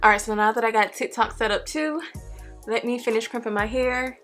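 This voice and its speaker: A woman's voice: a little high, fairly even intonation, fairly quick, fairly bright tone. A woman in her twenties with a slight lisp from wearing a retainer, chatting casually to viewers in a hair tutorial. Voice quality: slight lisp from wearing clear dental aligners. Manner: informal, chatty, talking to viewers as friends. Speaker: beauty vlogger. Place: carpeted bedroom, indoors. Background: music.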